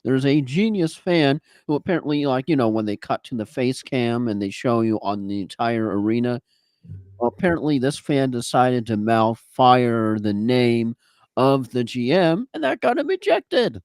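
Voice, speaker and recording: A man's voice: mid-range voice, normal speed, a little mellow, clear, resonant tone, no echo, clean studio sound. A man co-hosting a casual sports podcast who makes teasing, sarcastic asides. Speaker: podcast co-host.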